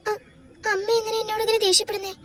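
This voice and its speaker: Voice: very high-pitched, little pitch movement, quick pace, a bit bright. A performer voicing a bewildered young wife in a home-made doll drama, pleading in confusion and close to tears. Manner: pleading, confused, rising to tearful.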